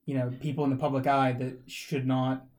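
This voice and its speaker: A man's voice: mid-range voice, little pitch movement, fairly quick, a little mellow. A man co-hosting a podcast, talking casually and rambling with many fillers and restarts. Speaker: podcast co-host. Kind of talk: casual chat.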